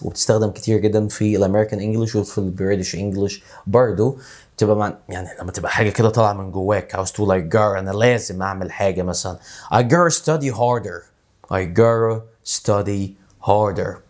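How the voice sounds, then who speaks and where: A man with an Egyptian Arabic accent teaching English casually, slowing down to repeat English phrases word by word. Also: on the low side, a little mellow. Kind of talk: casual video lesson.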